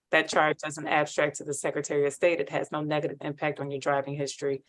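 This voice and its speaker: On a courtroom recording, a woman judge with a low-pitched voice runs a hearing briskly and formally, reciting procedure by rote.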